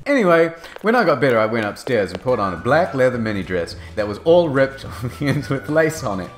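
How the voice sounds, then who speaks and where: A man's voice: medium pitch, sing-song, a little fast, soft background music. A man narrating a comedic dramatic reading of fan fiction, with a mock-serious, overwrought delivery.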